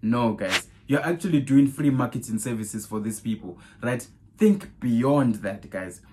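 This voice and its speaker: A man preaching a podcast sermon who fires off rhetorical questions and keeps checking in with "guys" and "right?", getting louder and more animated on Bible quotes. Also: medium pitch, unhurried.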